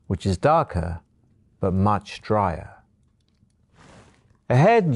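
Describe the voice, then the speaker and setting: Slow, measured male gamebook narrator. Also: on the low side, a little mellow, dry recording. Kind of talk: second-person adventure narration.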